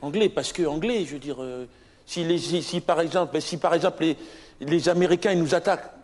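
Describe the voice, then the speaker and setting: A man's voice: on the high side, brisk, voice pushed down, natural voice. A man playing a brash young candidate at an oral English exam, argumentative and stammering, on a live comedy stage. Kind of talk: stand-up character sketch. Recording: live stage show, loud laughing crowd. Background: audience laughter.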